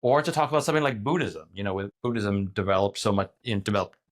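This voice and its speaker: Speaking quickly in a lowish voice, a middle-aged podcast guest muses his way through a casual interview. His answers wander, full of restarts, filler words, and frequent "like"s as he thinks things over.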